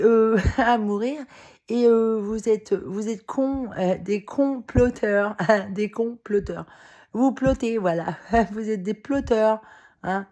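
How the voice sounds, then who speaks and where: A woman's voice: medium pitch, darkish tone. A very tired woman talking in a casual monologue, rambling and heated, full of fillers, swearing and short laughs. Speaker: vlogger. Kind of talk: casual spoken monologue to camera.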